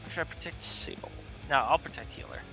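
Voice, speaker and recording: A man playing a tabletop game, thinking aloud in an animated way. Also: medium pitch, fast talker, over music. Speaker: player. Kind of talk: casual tabletop game play.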